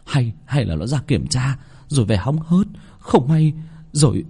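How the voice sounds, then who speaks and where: A man's voice: medium pitch, animated, unhurried, dark tone, breathy edge, full character voice. A timid hunchbacked old servant, muttering to himself in a stammering, anxious rush, as a storyteller voices him. His voice jumps around as fear builds in this spoken folk tale.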